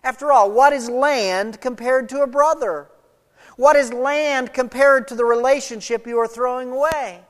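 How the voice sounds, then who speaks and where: A pastor preaching a sermon to a congregation in an emphatic, animated way, with chatty asides and a cough from allergies. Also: high-pitched, moderate pace. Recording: long hall reverb.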